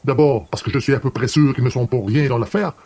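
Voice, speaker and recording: An actor playing a calm, ironic police detective of about fifty, speaking in a dry and unhurried way. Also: male voice, medium pitch, gravelly. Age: 50s. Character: cool ironic middle-aged male police detective.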